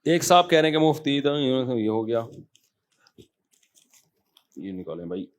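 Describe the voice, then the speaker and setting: A man's voice: mid-range voice, big pitch swings. A middle-aged man with a Pakistani Urdu accent answers written questions from his congregation. He sounds tired but keeps a lecturing, conversational sermon manner and often calls his listeners brother. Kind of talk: sermon Q&A, reading questions aloud.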